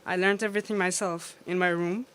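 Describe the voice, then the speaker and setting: A woman DJ chats through an interview. Her voice is smooth and resonant, and she laughs often as she tells her stories, with plenty of ums and uhs along the way. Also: lowish voice, steady tone, a little fast, fairly bright tone. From Iran. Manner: laughs often, storytelling with many fillers. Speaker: DJ and guest. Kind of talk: casual interview.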